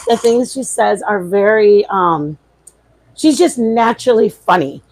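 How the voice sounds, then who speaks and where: A congested woman chats on a casual livestream from home, close to the kitchen, rambling and restarting a lot. She has a mid-range, darkish voice that is animated but a little slow.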